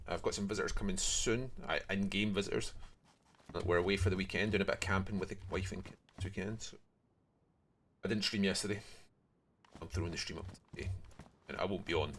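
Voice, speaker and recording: A man's voice: deep voice, fast talker. A man streaming a survival game, chatting casually and rambling with frequent restarts. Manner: rambling, chatty, self-correcting. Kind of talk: casual livestream chat while gaming.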